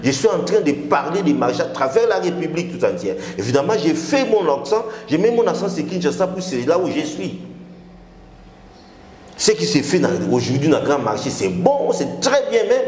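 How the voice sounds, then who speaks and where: A man's voice: fairly high pitch, sing-song, normal speed, a crowd in the background. Emphatic man, echoey room. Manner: emphatic, mixes French and Lingala. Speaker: political guest. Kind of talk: political talk show discussion.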